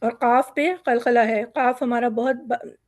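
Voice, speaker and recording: A woman with a high voice leads a recitation lesson and stretches each verse out slowly. She explains the pronunciation patiently, step by step. The recording is dry, with no room sound. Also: steady tone, a little mellow, dry recording. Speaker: Quran recitation teacher.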